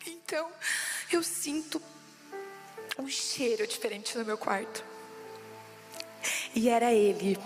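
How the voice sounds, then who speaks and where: A Brazilian woman giving an emotional sermon testimony, repeating phrases for emphasis. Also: high voice. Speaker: preacher. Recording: long reverb with faint background music.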